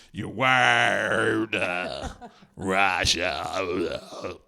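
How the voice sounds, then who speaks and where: Male podcast host, very low and gravelly, slow and teasing quizmaster. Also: sharp tone. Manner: teasing, playful quizmaster with drawn-out delivery. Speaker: podcast host running a slang quiz. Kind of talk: casual chat.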